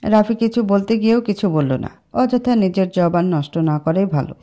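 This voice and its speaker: A woman narrating a scripted love story in a steady, dramatic storytelling manner. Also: medium pitch, normal speed.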